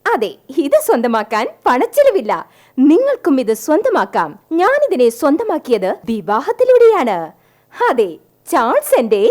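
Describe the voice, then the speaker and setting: Woman as a smug wife in a mock advert, theatrical sales pitch, stage comedy skit. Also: wildly swooping pitch, a little slow, a little mellow, heavily acted. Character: smug woman pitching her husband like a product.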